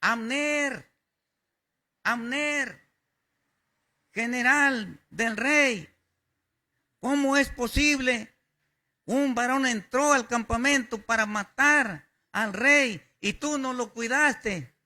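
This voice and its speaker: Man voicing bold young biblical warrior, declaiming, high voice, forceful. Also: expressive, takes it slowly, pauses often, heavily acted. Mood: calling out.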